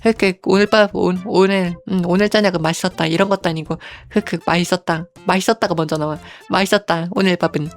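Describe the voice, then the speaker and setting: Low-voiced woman streamer, humming thoughtfully. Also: steady tone. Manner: unhurried, many soft hums, refers to herself in third person. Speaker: virtual streamer. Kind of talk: casual stream chat.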